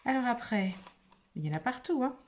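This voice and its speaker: A woman's voice: fairly high pitch, animated, a little fast, a little mellow. A woman vlogger opening craft mail in a casual chat to camera, gushing and exclamatory, full of little fillers.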